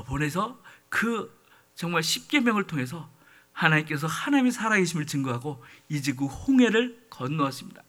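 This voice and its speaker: A man's voice: on the high side, a bit bright. A man preaching a sermon as pastor, earnest and addressing the congregation directly.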